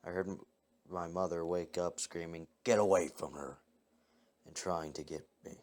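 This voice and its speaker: A man reading first-person scary stories aloud as a narrator, in a calm, measured way. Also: sits low. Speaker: story narrator. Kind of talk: scripted horror story reading.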